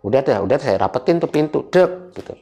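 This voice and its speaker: A young man, casually telling a personal ghost story as a guest, in an animated, dramatic way full of fillers. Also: mid-range voice, fast talker.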